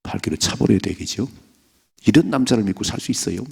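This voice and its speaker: A man's voice: lowish voice, expressive, fast talker, vocal fry, warm tone, breathy edge. A middle-aged male pastor preaching an early morning sermon, emphatic and acting out dialogue in a raised voice. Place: church sanctuary.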